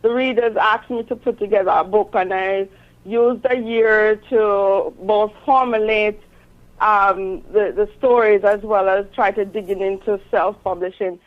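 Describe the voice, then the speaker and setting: A woman's voice: mid-range voice, steady tone, measured pace, narrow, tinny audio. A woman talking conversationally as an interview guest about her own work. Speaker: interview guest, self-published author.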